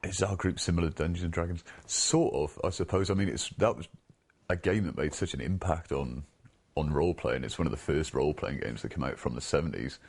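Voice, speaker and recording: A man's voice: a bass voice, a little fast, darkish tone, slight background noise. A man musing informally in a casual documentary interview about his hobby. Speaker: live role-play participant.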